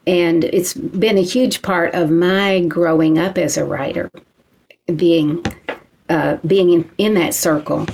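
Slow-spoken poet woman from Kentucky. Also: fairly low pitch, steady tone, creaky, darkish tone, a little hiss or hum, low-quality recording. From Eastern Kentucky. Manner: slow, measured reading with deliberate pauses. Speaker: poet and interview guest. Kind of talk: poetry reading and interview.

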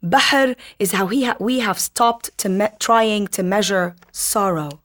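Soft-spoken Lebanese-born woman poet. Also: medium pitch, measured pace. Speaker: poet guest. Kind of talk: interview and poetry reading.

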